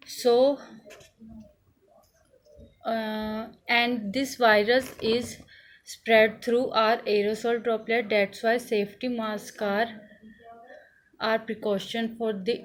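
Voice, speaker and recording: A young woman with an Indian accent delivers a prepared student speech in halting, deliberate phrases. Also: mid-range voice, poor audio. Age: young adult. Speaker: student contest speaker. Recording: faint background noise.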